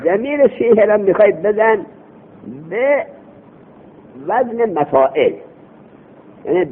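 A man teaches grammar in a seminary lesson, quizzing his student and answering his own questions, then slowing to recite lines. His voice sits high and moves through a wide, animated range. The recording is thin and phone-like. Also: a little hiss or hum. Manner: slows to recite Arabic phrases.

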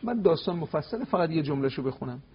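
A man giving an animated religious talk on television, telling stories and acting out quoted exchanges with emphasis. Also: slightly rough, highs cut off. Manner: emphatic, acts out quoted dialogue with rising pitch. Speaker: cleric guest on religious TV talk. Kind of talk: animated religious lecture with storytelling.

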